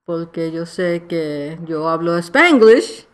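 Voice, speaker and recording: This author, a Nuyorican woman from New York, United States, gives a reflective personal interview in casual Spanglish. Her lowish voice is expressive, but her Spanish is slow and halting as she searches for words and lapses into English, all in a New York Puerto Rican accent.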